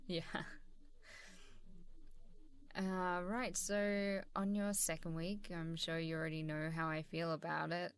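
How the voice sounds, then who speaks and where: In a softly conversational ASMR role-play, a woman voices a warm, easygoing boss delivering a praising review in a one-sided dialogue. Her lowish, resonant voice is clear, flat, and unhurried, and she sounds casual and encouraging, chuckling hesitantly between phrases.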